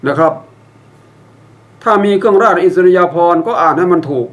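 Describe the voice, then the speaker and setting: A man's voice: high-pitched, moderate pace, lo-fi sound. An older man teaching how to write and read a eulogy, explaining step by step with wry examples and polite phrasing. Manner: polite, ends phrases with a courteous particle. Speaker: public speaking instructor. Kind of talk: instructional talk.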